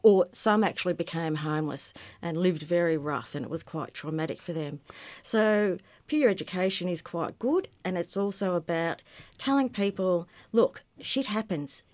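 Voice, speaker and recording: A woman over fifty talks frankly and conversationally as a radio guest. Her voice sits fairly low. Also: moderate pace, darkish tone, dry recording. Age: 50s. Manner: candid, conversational. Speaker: guest, peer educator. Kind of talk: casual radio interview.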